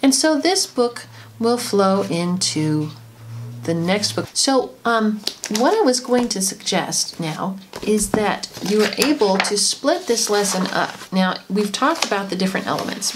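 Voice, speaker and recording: Homeschool mom walking through a reading lesson, gentle encouraging chatty tone, noisy recording at home. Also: female voice, medium pitch. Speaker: homeschooling mother. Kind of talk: instructional tutorial.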